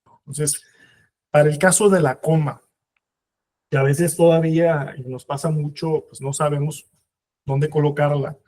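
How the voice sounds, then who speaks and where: Halting Mexican man teaching a class. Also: on the high side, steady tone, darkish tone. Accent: Mexican Spanish. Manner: halting, many fillers and restarts. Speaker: instructor. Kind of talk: legal writing lecture. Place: training course room.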